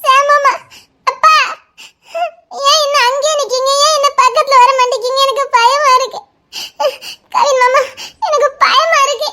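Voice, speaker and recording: A woman's voice: very high voice, fairly even intonation, moderate pace, pauses often, pushed and bright. A woman voicing a frightened young woman in an audio drama, pleading to be believed in a shaky, tearful voice, laughing through sobs. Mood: tearful, scared. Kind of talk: Tamil serial-style audio drama.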